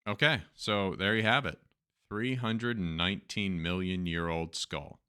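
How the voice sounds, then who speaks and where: Hosting a show, a Turkish-accented man reads out news items and follows them with chatty, playful remarks. His low voice is unhurried, clear, and resonant, with a sharp tone.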